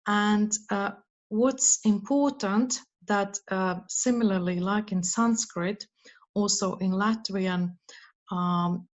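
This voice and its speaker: A woman giving an academic presentation, speaking slowly and carefully with frequent uh and um fillers. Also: medium pitch, steady tone. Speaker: lecturer. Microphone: video call. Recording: dull, lo-fi online talk.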